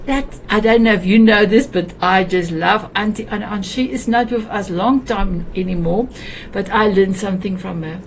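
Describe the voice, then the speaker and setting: A medium-pitched woman from South Africa, Afrikaans accent audible, hosts a talk show at a moderate pace. The warm, casual video call chat is hesitant with many restarts, and slight background noise can be heard.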